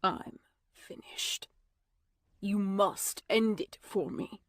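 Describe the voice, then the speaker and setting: Woman reader doing a wounded male lover: breathy, slow, pleading, dry booth. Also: medium pitch, big pitch swings, a bit bright, no room sound, full character voice. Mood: grave pleading. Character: brooding wounded male vampire-like lover, grave. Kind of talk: audiobook character voicing.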